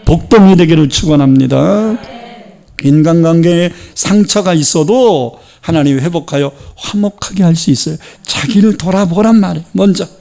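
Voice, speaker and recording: A man's voice: a little high, normal speed, gravelly, mellow. A man preaching a sermon as pastor and leading the congregation in fervent, impassioned prayer. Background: music.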